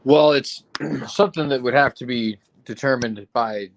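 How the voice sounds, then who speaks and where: A man with a medium-pitched voice and vocal fry talks at a normal speed in a casual discussion, and the audio is poor with slight background noise. He's getting over an illness and sounds foggy, explaining with examples, hedging, and filling his speech with fillers and repeated "right?"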